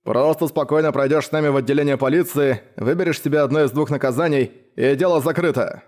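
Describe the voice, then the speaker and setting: A man voicing a calm burly leader. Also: on the high side, fast, lightly acted. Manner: calm, reasoning. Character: calm, steady male gang leader, burly laborer.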